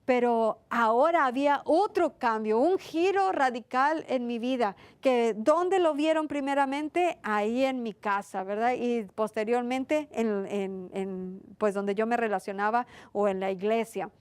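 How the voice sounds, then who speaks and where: A woman's voice: a little high, unhurried, hardly any pauses, clear, resonant tone, no room sound. A woman preaching a sermon in an earnest, repetitive way, asking questions and answering them herself.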